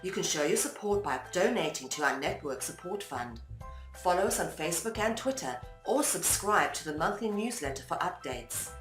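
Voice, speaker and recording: A woman reading a scripted network announcement in a smooth, polished way. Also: fairly low pitch, animated, moderate pace, a bit bright, roomy sound, faint music behind.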